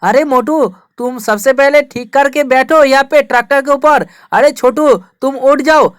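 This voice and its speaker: High-voiced woman hosting toy play. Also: steady tone, normal speed, no room sound. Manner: scolding, then showy and upbeat. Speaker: toy video host playing big brother. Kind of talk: toy play-acting for kids.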